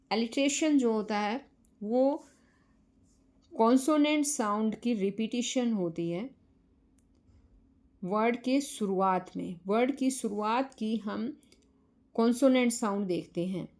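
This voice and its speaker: A woman teacher with an Indian English accent explaining a poem lesson to children, reading English lines slowly and then explaining them. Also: on the high side, darkish tone.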